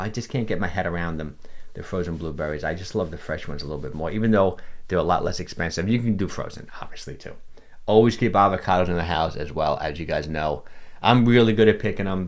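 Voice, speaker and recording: A man with a deep, low-pitched voice talks through a livestream lesson for his coaching clients. His delivery is loose and chatty, full of restarts and little fillers. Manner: rambling, conversational, many restarts and fillers. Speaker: fitness coach. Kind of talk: casual livestream teaching. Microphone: livestream desk mic.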